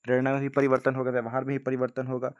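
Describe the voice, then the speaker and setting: A man's voice: mid-range voice, monotone, very fast, highs cut off. Man, teacher, casual exam-prep lesson, reads questions aloud, keeps checking in viewers. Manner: repeats checks like "ठीक है ना", addresses viewers as friends. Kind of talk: casual spoken lesson, reading quiz questions.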